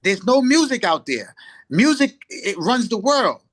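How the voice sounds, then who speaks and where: High-voiced preachy podcast host man. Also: big pitch swings, unhurried, a bit bright. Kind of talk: casual chat.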